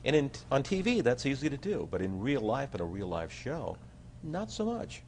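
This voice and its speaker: A man's voice: mid-range voice, moderate pace, slight background noise. A man chatting as a talk show guest, then doing a comedic magic routine with playful showman patter. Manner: animated, jokey showman patter, bursts of hummed tune. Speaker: guest, magician and stage effects designer.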